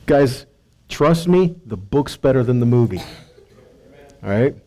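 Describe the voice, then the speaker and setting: A mellow, mid-range male voice, animated yet a little slow, leads a conversational Bible teaching. His sermon is emphatic, full of quoted and paraphrased dialogue, with rhetorical asides and check-ins directed at his listeners.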